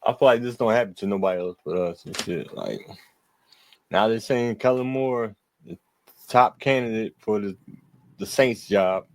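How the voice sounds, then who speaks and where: Male podcast co-host, lower voice, crude trash-talking sports banter. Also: moderate pace, long pauses, darkish tone, slight background noise. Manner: profane, laughing, trash-talking. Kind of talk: casual sports chat.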